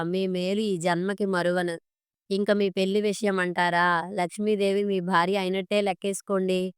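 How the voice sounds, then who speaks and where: Woman reading as a flattering male matchmaker. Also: medium pitch, clear, resonant tone, dry recording, clean studio sound, lightly acted. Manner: flattering, boastful sales talk. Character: fast-talking middle-aged male marriage broker.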